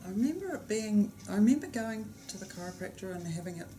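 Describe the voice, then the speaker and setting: New Zealand woman with a lively voice. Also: mid-range voice, fast, slight background noise. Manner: soft, agreeable, brief replies. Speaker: student receiving therapy. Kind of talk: casual conversation in a class.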